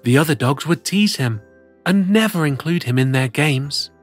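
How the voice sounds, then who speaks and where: A performer voices a cheerful plush cat who hosts story time, reading picture books aloud to children in an expressive, theatrical, sing-song way. The voice is mid-range and natural, with lively intonation at a normal speed, and soft music plays in the background.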